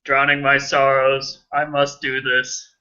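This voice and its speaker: A man's voice: mid-range voice, completely flat delivery, slow pace, dull audio, noisy background. A man playing in a casual tabletop role-playing game over voice chat, joking and playing up his character's lines. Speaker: player.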